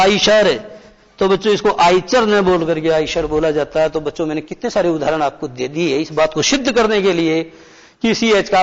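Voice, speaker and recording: A man's voice: high voice, big-room sound, highs cut off. A male teacher with a Rajasthani Hindi accent gives a classroom lecture, asking his pupils questions and answering them himself. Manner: reads English lines very slowly.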